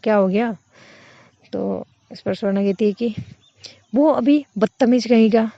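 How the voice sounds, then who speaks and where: A woman telling a romance story in an easy, conversational way, with many filler links. Her voice is mellow and gravelly. The recording is dry and dull, lo-fi. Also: fairly high pitch, a little slow, no echo. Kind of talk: casual story narration.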